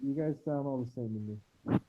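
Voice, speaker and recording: A man's voice: mid-range voice, moderate pace. A man chatting casually on an online group call, hesitant and restarting his words, his voice muffled as if heard through a wall. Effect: muffled voice, as if through a wall or wrapped in a blanket. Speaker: participant in an online group voice chat. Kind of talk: casual chat. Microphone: own microphone on an online call.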